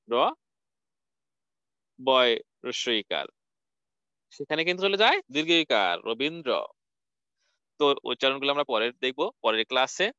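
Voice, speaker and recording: A man's voice: a little high, sharp tone, smooth, dry recording. A man teaching a recorded college lecture, spelling out words letter by letter and asking and answering his own questions. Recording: dull lo-fi dry recording.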